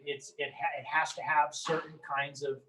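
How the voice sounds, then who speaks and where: A man's voice: a little high, level tone, moderate pace, pushed and bright, a little hiss or hum, low-quality recording. A man talking as a wine book author, enthusiastic and prone to repeating words as he starts sentences. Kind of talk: promotional chat.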